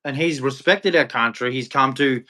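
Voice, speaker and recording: An Australian streamer with a mid-range voice, moderate pace and a pushed, bright quality rants at his chat. It's blunt and confrontational, capped with a preachy religious sign-off.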